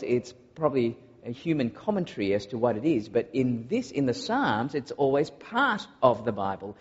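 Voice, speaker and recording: A man from Malaysia preaching a sermon to a congregation, earnest and often pausing on filler uhs. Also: medium pitch, darkish tone, slightly rough. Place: large church hall. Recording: dull recording in a long-echo hall.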